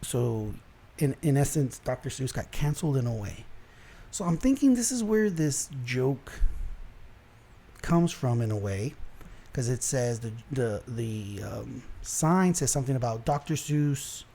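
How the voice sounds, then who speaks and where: A young man from South Texas hosts a casual commentary show, ranting about online headlines with animated exasperation and frequently restarting his sentences. His mid-range voice is creaky and unhurried.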